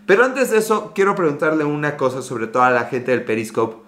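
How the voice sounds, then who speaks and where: A man's voice: a little high, very animated, fast, a bit bright. A man with a Mexican accent hosting a casual livestream, chatty and joking, with a slightly sore throat. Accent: Mexican Spanish. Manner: chatty, greets viewers by name, jokes and digresses. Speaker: livestream host. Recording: echoey room.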